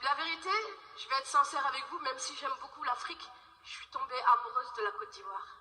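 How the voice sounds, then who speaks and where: Lively woman comic working the crowd, high sharp voice, echoey stage. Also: a little fast, over music. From France, Paris suburbs. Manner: lively, teasing, talking to the crowd. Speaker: stand-up comedian. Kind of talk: stand-up comedy. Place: live comedy stage.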